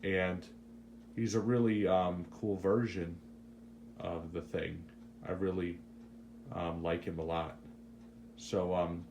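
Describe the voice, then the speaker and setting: A man giving a casual, unscripted review as host, with halting, hesitant phrasing. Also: sits low, slight background noise.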